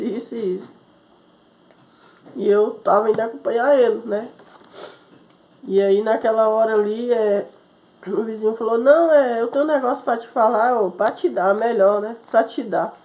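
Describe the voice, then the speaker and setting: Speaking with a fairly high, mellow voice at normal speed, this woman missionary tells her own testimony in sermon form. She voices the characters she describes and keeps adding "né?".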